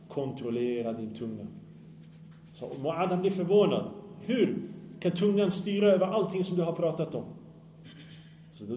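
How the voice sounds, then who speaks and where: A man delivers a sermon in an earnest, questioning way, checking in with his listeners. His tone is mellow and relaxed. The room rings with echo under a light background hiss. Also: on the high side. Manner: earnest, asks the audience often. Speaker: preacher. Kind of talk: Islamic sermon to youth.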